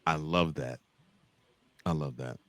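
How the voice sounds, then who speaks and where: A man's voice: rumbling low, takes it slowly, fairly bright tone, dry recording. An American man co-hosting a casual college football discussion, repeating words and phrases for emphasis. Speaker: sports show co-host.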